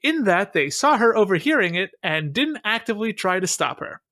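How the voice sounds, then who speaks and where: A man's voice: high-pitched, big pitch swings, a little fast, bright, forceful tone, no room sound. A man hosting a podcast, recapping an episode and chatting with a wry, sarcastic manner on a close mic. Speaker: podcast host. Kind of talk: casual chat and episode recap.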